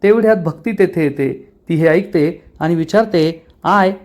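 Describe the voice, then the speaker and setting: A man's voice: normal speed, mellow. A man narrating a TV serial episode recap in a scripted storytelling manner. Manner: retells scenes, voicing characters' lines with raised pitch. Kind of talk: scripted narration with acted quotes.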